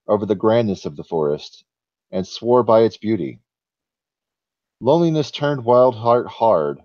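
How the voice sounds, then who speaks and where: Ancient forest giant, voiced by a man, solemn slow storytelling, low pitch, tabletop game, dull dry recording. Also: warm tone, no room sound.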